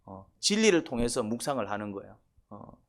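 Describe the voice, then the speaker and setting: A man's voice: on the low side, big pitch swings, a little fast. A male pastor preaching a sermon in a conversational way, asking questions and answering them himself, and sometimes acting out quoted voices.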